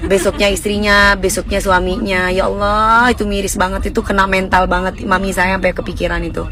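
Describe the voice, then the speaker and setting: A woman's voice: mid-range voice, little pitch movement, crowd noise. A woman in her thirties with an East Javanese accent, chatting casually and emphatically with viewers on a livestream. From East Java, Indonesia. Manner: emphatic, fiery and fast, self-described as fervent. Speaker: livestream host answering viewers.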